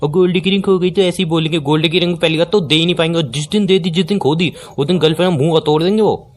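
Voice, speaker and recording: Exasperated man scolding fast. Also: a little high. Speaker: boyfriend in a comedy skit. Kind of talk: acted phone-call comedy skit.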